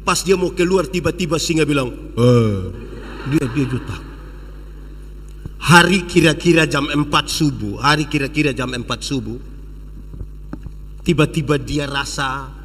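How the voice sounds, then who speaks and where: A man's voice: fairly high pitch, a bit bright, big-room sound, slight background noise. A man, preaching dramatically and speaking directly to his congregation. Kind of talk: sermon storytelling.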